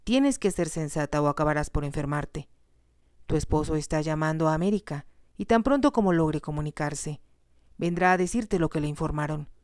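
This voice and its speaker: A woman's voice: sits low, moderate pace, no room sound, clean studio sound, lightly acted. A woman reading aloud, voicing a male family doctor who speaks steadily and firmly. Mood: reassuring. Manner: steady, reassuring, stern at times. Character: calm firm family doctor, man.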